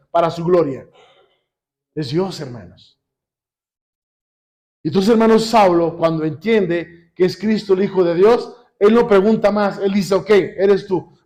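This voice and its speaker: Man preaching, high voice, constant rhetorical questions, slow scripture reading. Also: a little mellow. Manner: reads scripture slowly and deliberately. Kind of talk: sermon. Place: church service.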